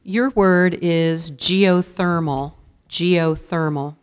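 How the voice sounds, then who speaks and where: A woman serving as a spelling bee pronouncer in a school auditorium, saying each word slowly and deliberately and reading out definitions. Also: lowish voice, steady tone. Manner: slow, deliberate, repeats each word clearly.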